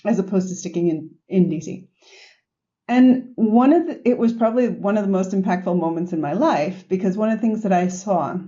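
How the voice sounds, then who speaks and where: Boston-accented woman, 40s, podcast guest; mellow tone, reflective storyteller, lo-fi remote audio. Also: mid-range voice. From north of Boston, US. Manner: reflective, storytelling with frequent fillers. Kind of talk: conversational interview answers.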